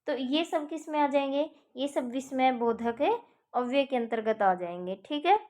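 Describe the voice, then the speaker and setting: Female tutor, exam-prep grammar lesson, patient repeating delivery, slightly higher pitch. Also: moderate pace, darkish tone. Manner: explains step by step, repeats examples, checks with "ठीक है". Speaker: teacher.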